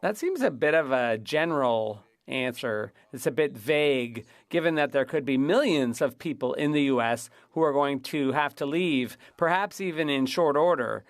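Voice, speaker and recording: A man interpreting formal parliamentary debate live, in somewhat halting phrases. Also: medium pitch, lively intonation, no echo.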